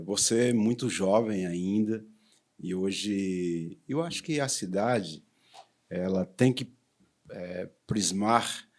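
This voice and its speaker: A man from Pernambuco with a Pernambuco accent hosting a TV interview, speaking in a measured, formal way. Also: lowish voice. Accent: Pernambuco Portuguese. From Arcoverde, Pernambuco, Brazil. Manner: measured, formal welcoming phrasing. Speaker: talk show host, poet.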